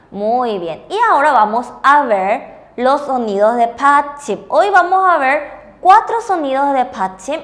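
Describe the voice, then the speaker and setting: High-voiced woman teaching. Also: in a large hall. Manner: patient, checks understanding with frequent rhetorical questions. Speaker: Korean language teacher. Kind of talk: bilingual classroom lesson on TV.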